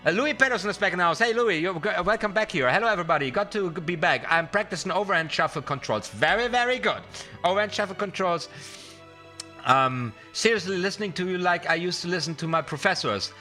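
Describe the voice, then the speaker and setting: A man with a high, animated voice and a bright, forceful tone hosts a casual card magic livestream at a quick pace. He rambles to his viewers and repeats words for emphasis, with music playing behind him.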